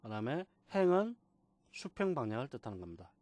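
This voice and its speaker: A man teaching a software class, patiently repeating key terms and asking rhetorical questions. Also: medium pitch, very animated, brisk, no echo. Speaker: computer instructor. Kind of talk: screen-recorded software tutorial.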